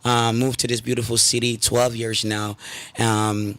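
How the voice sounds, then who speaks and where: A man's voice: medium pitch, level tone, measured pace, fairly bright tone, dry recording. A man from Guyana, a guest on a radio talk show, talking with enthusiasm and many fillers from inside the studio. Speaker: guest, drumming school founder. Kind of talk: radio interview.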